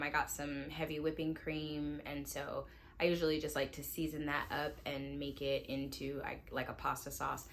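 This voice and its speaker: A woman in her thirties, a mom and lifestyle vlogger, chatting casually to camera at home in a relaxed way with lots of "like" fillers. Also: deep voice, a little hiss or hum. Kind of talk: casual vlog chat to camera. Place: at home indoors.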